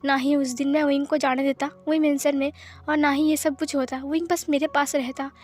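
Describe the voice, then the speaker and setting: A woman voicing a tender, protective young man who softly soothes and reassures, in a fan-fiction story reading. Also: sits high, level tone, fairly quick, close to an everyday voice. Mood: grieving. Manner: soft, soothing, repeats reassurances.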